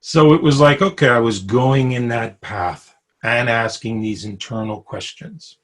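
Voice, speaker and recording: A Brooklyn man in his sixties with a New York accent and a mid-range voice reflects on his life story over a video call as an interviewee. He speaks unhurriedly, pausing often, using fillers, and chuckling softly and frequently.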